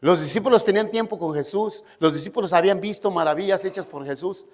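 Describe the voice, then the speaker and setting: A man's voice: sits high, fast. A man preaching a sermon in an emphatic style, often checking in with the congregation. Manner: emphatic, asks listeners "¿sí?" often. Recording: long hall reverb.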